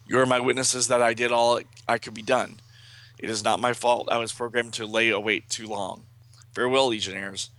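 A man voicing a resigned female robot from a comic book in a gravelly, formal, declamatory way. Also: mid-range voice, flat delivery, normal speed, a bit bright, no echo, natural voice. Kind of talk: comic-book dialogue read aloud.

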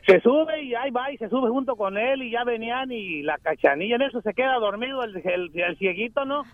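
A man from Mexico with a Mexican accent, calling in and telling a joke in a rambling, halting way. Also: very high-pitched, animated. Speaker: caller. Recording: tinny phone line.

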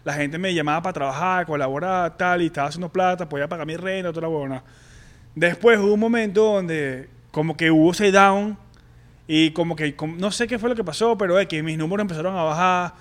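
High-voiced man telling a story. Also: a little fast, a bit bright. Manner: candid storytelling, many restarts and fillers. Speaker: podcast co-host. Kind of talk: casual chat.

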